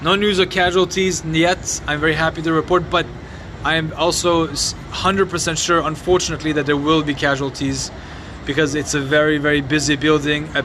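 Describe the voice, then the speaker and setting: This noisy outdoor phone stream comes from a man at night in a city compound, reporting a fire and replying to viewer comments. He speaks at a fairly high pitch, sombre and hesitant, restarting often.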